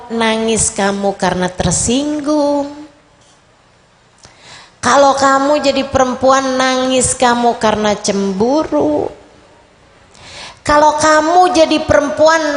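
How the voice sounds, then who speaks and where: A woman preacher delivering an impassioned, emotive sermon. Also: high voice. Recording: echoey hall.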